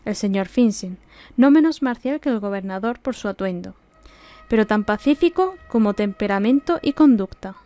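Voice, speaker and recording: Andalusian woman reading, mellow higher-pitched voice. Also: no room sound. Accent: Andalusian Spanish. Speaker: audiobook reader. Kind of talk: scripted narration of a classic novel.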